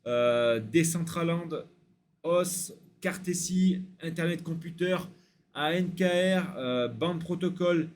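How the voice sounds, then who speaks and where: A man's voice: fairly high pitch, takes it slowly. Chatty man rattling off lists. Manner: chatty, many hesitation fillers, rattles off lists. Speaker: crypto YouTuber. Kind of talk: casual to-camera talk.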